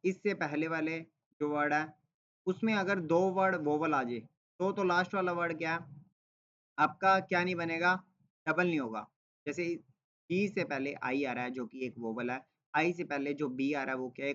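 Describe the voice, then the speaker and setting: Male grammar teacher, a touch high-pitched, patient step-by-step delivery, muffled recording. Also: fairly bright tone. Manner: explains step by step, repeats "ठीक है" and asks rhetorical "क्या" questions. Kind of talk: classroom-style grammar lesson.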